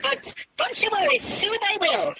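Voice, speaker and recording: A man using a voice changer program to voice a chirpy, excitable little male robot. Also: heavily acted. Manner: squeaky, jumpy, slow drawn-out robotic delivery. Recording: loud background noise.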